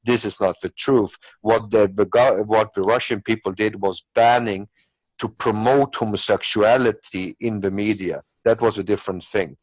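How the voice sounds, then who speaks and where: Here a panelist with a fairly low, steady voice argues at a moderate pace, his English non-native. The discussion is unscripted, and his case wanders and circles back on itself through hypothetical examples. Audio is low quality, without any room sound.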